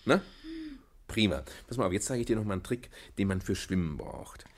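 In a children's radio play, an actor voices a good-humored father, low-pitched, animated and brisk. Patient and gently teasing, he often chuckles while explaining things to his little girl.

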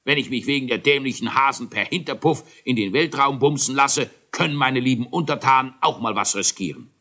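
A man voicing a hot-tempered, pompous dwarf king who booms and rants in a children's audiobook. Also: a little fast, pushed and bright. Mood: boastful. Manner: booming, ranting, indignant. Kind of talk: audiobook character voice.

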